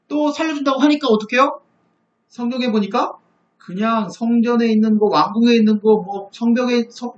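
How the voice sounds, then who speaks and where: A high-pitched male Bible teacher tells the story in a lively way, asking the room question after question. The recording is dull and lo-fi, with plenty of echo from a lecture room. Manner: animated storyteller who asks rhetorical questions.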